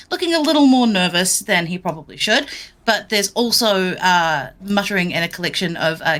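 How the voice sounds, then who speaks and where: A woman running a live tabletop game as game master, narrating the scene in an upbeat, lively way. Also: fairly low pitch.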